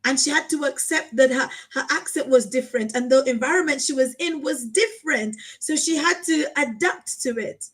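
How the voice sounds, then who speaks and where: High-voiced, encouraging woman host. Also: moderate pace, hardly any pauses, rough recording. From Africa. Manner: animated and encouraging, emphatic repetitions. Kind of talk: casual live conversation.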